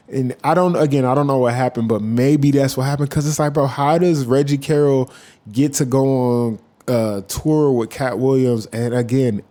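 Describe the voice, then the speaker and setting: A man giving casual, profane reaction commentary as a YouTuber, rambling with animated asides. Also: mid-range voice.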